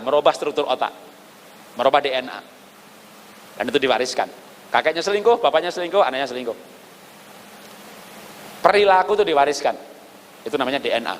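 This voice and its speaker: A man with an Indonesian accent preaching a sermon, animated, asking rhetorical questions and dropping low for emphasis. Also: a little hiss or hum. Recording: long hall reverb.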